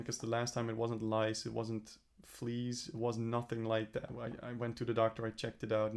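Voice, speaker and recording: A young man talking through his plans in a casual, earnest vlog, rambling and correcting himself as he goes. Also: mid-range voice. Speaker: vlogger. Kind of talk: casual self-reflective vlog.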